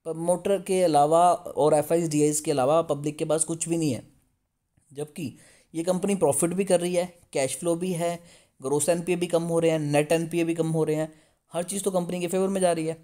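A man's voice: fairly high pitch, fairly even intonation, brisk, warm tone. A man hosting a casual stock analysis video, reading numbers off charts and urging viewers to buy. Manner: pushy, urges viewers to buy; reads figures off a chart. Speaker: stock market video host.

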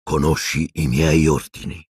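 A man voicing an old male wizard headmaster in an audiobook, speaking slowly and solemnly, wailing and pleading when afraid. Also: a bass voice, little pitch movement, a little mellow, breathy edge, no room sound, studio quality, full character voice. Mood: grave, commanding. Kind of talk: audiobook character voice.

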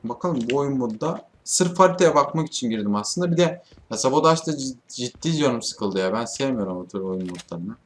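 A young man commenting on a shooter as he plays it, in a voice of middling pitch for a man. He swears often and yells at his teammates when things go wrong. He keeps up a loose, chatty stream of commentary between rounds. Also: animated, fairly quick, few pauses. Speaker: gaming YouTuber. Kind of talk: casual gameplay commentary.

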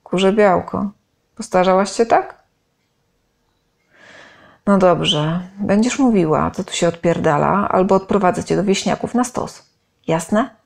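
A woman's voice: fairly low pitch, measured pace, vocal fry, pauses often. A woman voicing a curt, stern monster hunter. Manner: curt and commanding.

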